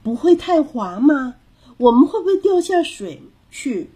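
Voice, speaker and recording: A woman's voice: sits high, sing-song, unhurried, mellow, pitched above the performer's own voice. A woman voicing a small, timid child who keeps asking worried questions in a storybook reading. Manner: anxious questioning.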